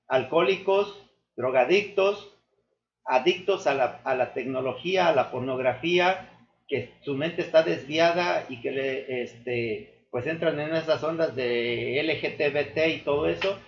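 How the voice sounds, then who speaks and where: A man giving an earnest, sermon-style testimony to his church, addressing the listeners as brothers and often pausing with fillers and restarts. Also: on the high side. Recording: echoey room, dull lo-fi sound.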